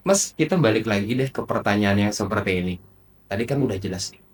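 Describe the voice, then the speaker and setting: A man's voice: fairly low pitch, expressive, fairly quick, slightly rough, recorded from a distance. A man hosting a podcast interview, asking questions and echoing and affirming his guest. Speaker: podcast host.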